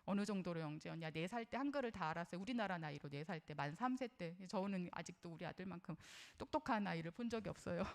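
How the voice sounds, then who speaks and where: A woman's voice: fairly low pitch, animated, fast talker, hardly any pauses. Middle-aged woman, parenting lecturer, earnest and conversational, asks her audience questions. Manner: personal, shares her own experience as a mother.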